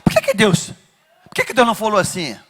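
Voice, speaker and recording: Um pastor de Rio de pregando um sermão com fervor, chamando a congregação a responder e subindo a voz em gritos. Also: male voice, high voice, huge pitch swings, fairly quick. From Brazil. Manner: fervent preaching, rising to shouts, call-and-response with the congregation. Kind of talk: sermon. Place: church.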